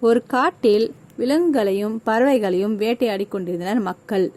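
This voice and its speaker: A woman narrating a children's story in a calm, measured way. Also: fairly high pitch, soft background music.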